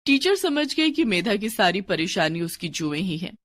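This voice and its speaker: A woman narrating a scripted children's story in a clear, expressive way. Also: medium pitch, moderate pace.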